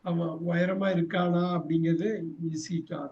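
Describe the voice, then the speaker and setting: A man runs an English class, repeating each prompt and gently fixing mistakes. His voice sits notably high for a man. The recording is dull and lo-fi. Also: steady tone, measured pace. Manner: gives prompts again and again, corrects answers patiently. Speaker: English teacher. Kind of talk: bilingual class drilling.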